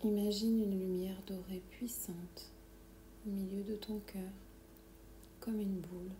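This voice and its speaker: A woman leads a guided meditation in a hushed, breathy whisper that sits right in the ear. She is unhurried and calming, with a mellow, dark tone. The recording has a roomy echo around her. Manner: slow, calming, soothing instructions. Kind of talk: guided meditation, soft whispered ASMR-like delivery. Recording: roomy echo, low background rumble noise.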